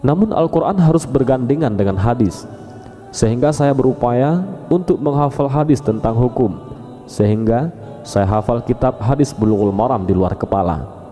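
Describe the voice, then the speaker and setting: A man voicing a calm, learned old woman. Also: mid-range voice, normal speed, big-room sound, soft background music, close to an everyday voice.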